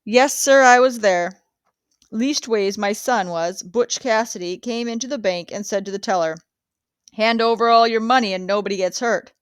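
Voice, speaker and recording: A woman's voice: fairly high pitch, moderate pace, clear, resonant tone, no echo, clean studio sound, close to an everyday voice. A woman doing a folksy old Western man. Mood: boastful. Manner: folksy drawl.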